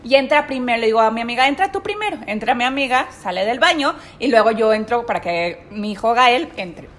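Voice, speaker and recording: A woman's voice: a little high, fairly quick, fairly bright tone. A woman co-hosting a casual chat, laughing her way through stories about her son. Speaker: podcast co-host.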